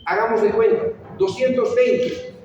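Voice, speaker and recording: A woman's voice: on the high side, flat delivery, unhurried, darkish tone, highs cut off, slight background noise. A woman doctor lecturing medical students, mixing clinical anecdotes into the lesson and often checking in with her listeners. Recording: echoey hall recorded from far off.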